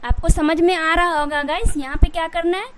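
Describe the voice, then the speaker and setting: A woman's voice: extremely high pitch, steady tone, brisk, slight background noise. A woman teaching English pronunciation, repeating rules and answering her own questions. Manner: repetitive, drilling, asks and answers own questions. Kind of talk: Hindi English pronunciation lesson.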